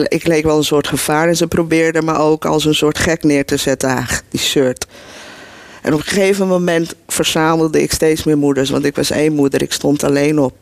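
A woman's voice: deep voice, creaky, a little mellow, dry recording. A middle-aged woman telling her own life story to an audience in an earnest, emotional and blunt way. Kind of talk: personal storytelling before an audience.

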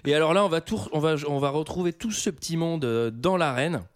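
Animated, jokey man. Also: on the high side, fairly quick. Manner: animated, jokey retelling with frequent laughter. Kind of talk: casual chat.

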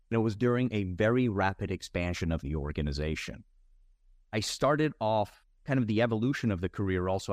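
Speaking at a fairly low pitch, a Turkish-born man of about forty with an American accent chats about his career path as a guest on a podcast, where he's introduced as a finance executive. The recording is dry and clean, with studio sound.

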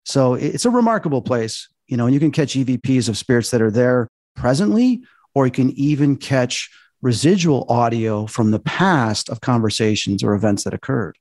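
A man's voice: mid-range voice, lively intonation, normal speed, darkish tone, no room sound, studio quality. A man telling earnest stories in a casual podcast chat, walking through paranormal theories at length. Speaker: paranormal investigator guest.

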